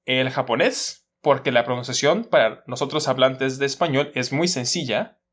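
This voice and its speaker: A man's voice: medium pitch, normal speed, fairly bright tone, husky. A man, talking casually to camera as a language teacher, explaining with examples and asides. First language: Spanish.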